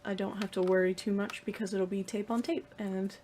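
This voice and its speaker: A woman's voice: mid-range voice, steady tone, a little fast, darkish tone, slight background noise. A young woman talking casually to the camera in her room at home, rambling with lots of fillers and restarts. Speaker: vlogger. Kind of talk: casual vlog talk to camera.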